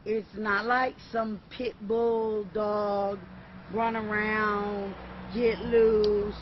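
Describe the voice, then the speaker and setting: A woman's voice: medium pitch, little pitch movement, drawn-out words. A woman talking in an agitated, casual way. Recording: muffled, slightly noisy clip.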